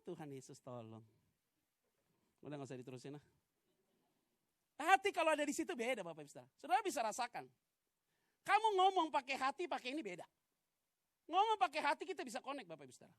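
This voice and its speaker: A male pastor giving a colloquial, joking sermon. He swings between loud preaching and quiet asides and calls for amens from the congregation. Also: very high voice, no echo, clean studio sound.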